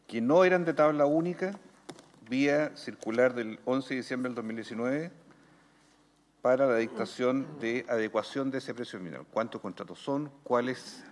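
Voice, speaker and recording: Chilean male chair, formal and brisk, reverberant chamber. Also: medium pitch. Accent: Chilean Spanish. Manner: detailed questioning, brisk. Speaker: committee chair. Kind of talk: formal committee proceedings. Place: senate committee room. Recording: long reverb in a hall.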